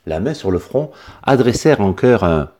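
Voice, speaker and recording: Lowish voiced guy reading a storybook, bouncy expressive delivery. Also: normal speed. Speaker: narrator.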